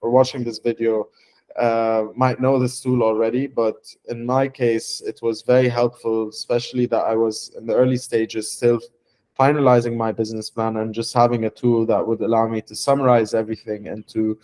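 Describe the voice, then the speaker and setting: The audio is poor in this testimonial interview with a young Lebanese man who founded a startup. He speaks at a medium pitch with a level, darkish tone, hesitating often and restarting through many fillers.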